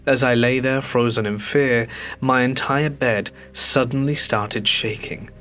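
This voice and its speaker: With faint music in the background, a man reads submitted ghost stories aloud for his channel. He stays calm and measured at a medium pitch, slowing for dramatic pauses.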